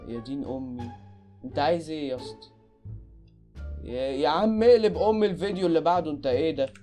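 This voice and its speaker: A man with an Egyptian accent giving casual reaction commentary on videos, full of loud exclamations and repeated cries of disbelief. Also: on the high side. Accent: Egyptian Arabic.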